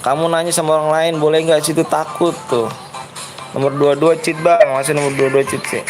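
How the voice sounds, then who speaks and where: Betawi-accented male streamer, slightly high voice, repeats himself, loud music underneath. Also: flat delivery, poor audio. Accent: Jakarta Betawi. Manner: quick, repetitive, coaxing other players. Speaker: streamer running a custom game room. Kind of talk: live game stream chat. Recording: music playing behind.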